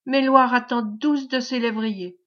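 A woman reading an audiobook, voicing a frightened but brave young woman who pleads in anxious, hushed tones. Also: a little high, fairly even intonation, unhurried, lightly acted. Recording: dull lo-fi recording.

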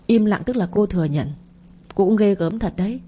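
A woman's voice: mid-range voice, brisk, mellow, slightly rough, lightly acted. A woman voicing a scornful young husband in a storybook reading, cold and sneering.

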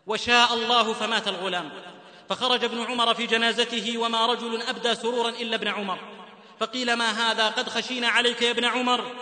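A man's voice: very high voice, level tone, fast, sharp tone. A man from the Hijaz in Saudi Arabia preaching a sermon-style lecture, telling stories fervently and slipping into a chanted lilt. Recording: echoey hall reverb.

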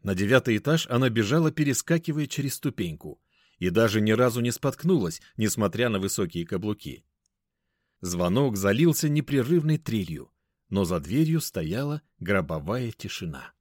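Male audiobook narrator, low voice, dry studio sound. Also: very animated, moderate pace, dry recording. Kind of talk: first-person audiobook narration.

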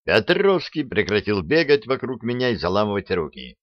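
Low-voiced man narrating a war story. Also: normal speed, dry recording, muffled recording. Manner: lively, first-person storytelling.

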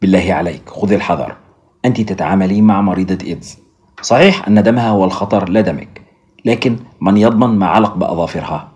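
A man's voice: sits low, quick pace, a little mellow, close to an everyday voice. A man voicing an earnest, anxious young male doctor in a storybook reading, pressing with urgent questions.

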